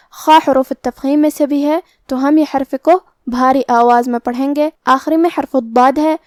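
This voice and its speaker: A woman teaching Quran recitation, explaining the pronunciation of each letter and reciting verses slowly and carefully. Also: sits high, a little mellow, no echo, clean studio sound. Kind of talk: tajweed lesson, explaining letter by letter.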